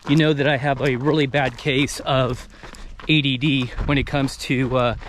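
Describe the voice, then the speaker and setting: Speaking at a moderate pace with a steady, fairly bright mid-range voice, a man in his thirties casually vlogs to viewers outdoors for his channel. Plenty of noise comes through the field recording.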